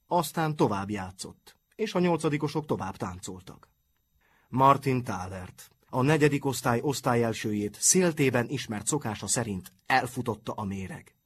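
Husky-voiced male audiobook narrator. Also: mid-range voice, lively intonation.

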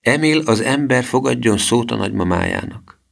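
A man's voice: mid-range voice, expressive, gravelly, voice pushed up. A man voicing a bossy but affectionate old grandmother in a storybook reading, scolding and tender by turns.

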